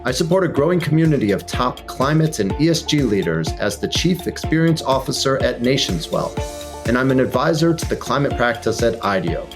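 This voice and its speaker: A man's voice: mid-range voice, big pitch swings, fairly quick, over music. A man hosting a climate podcast, reading his intro and asking interview questions in an upbeat way. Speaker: podcast host.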